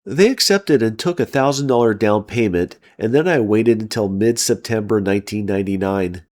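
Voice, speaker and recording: A man's voice: lowish voice, normal speed, a little mellow. A middle-aged American man giving a scripted, enthusiastic and opinionated narration as a car channel host. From United States.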